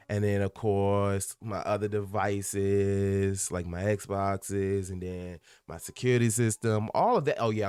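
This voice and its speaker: Low-voiced man in his twenties, rambling candidly. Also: a little mellow, clean tone, dry recording. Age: 20s. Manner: rambling, repeats himself for emphasis, frequent restarts; earnest and candid, with bursts of laughter. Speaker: podcast host. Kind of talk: casual solo podcast monologue. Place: room at home among packed boxes.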